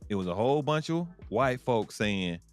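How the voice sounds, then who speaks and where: A man's voice: medium pitch, lively intonation, normal speed, smooth, soft background music. Earnest man in casual commentary. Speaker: co-host.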